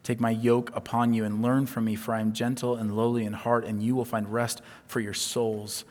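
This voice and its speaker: A man preaching an evening sermon in an earnest way, rising in intensity as he retells scripture and then going quiet and low. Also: little pitch movement, moderate pace. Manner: earnest, builds in pitch and volume when retelling, then drops soft and low. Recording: long hall reverb.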